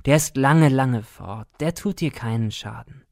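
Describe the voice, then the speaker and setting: A man's voice: medium pitch, a little slow, creaky, a little mellow, no room sound, clean studio sound. A man voicing an anxious, loving mother who soothes and pleads in a raised, tender voice. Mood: soothing.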